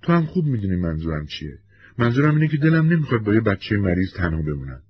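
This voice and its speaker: A man's voice: fairly low pitch, sing-song, husky, no room sound, highs cut off. A man voicing a young wife who pleads and insists, in a storybook reading. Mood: upset.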